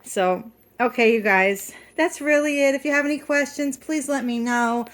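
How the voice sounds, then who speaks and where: A woman's voice: high voice, moderate pace. A middle-aged woman hosting a craft video from her home, chatting casually with lots of fillers and restarts, a little out of breath. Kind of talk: casual show-and-tell.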